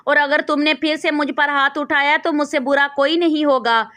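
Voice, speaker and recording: A woman's voice: high voice, steady tone, pushed and bright. A woman reading as a stern rich husband. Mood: firm.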